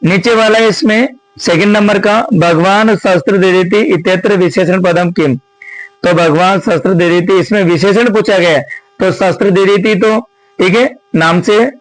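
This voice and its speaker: In a rough, dry recording with no room sound, a Sanskrit teacher with a fairly high voice explains an exam answer key like he's teaching at a board. He keeps asking questions only to answer them himself, and he calls his audience friends throughout. The sound sits close, with no space around it.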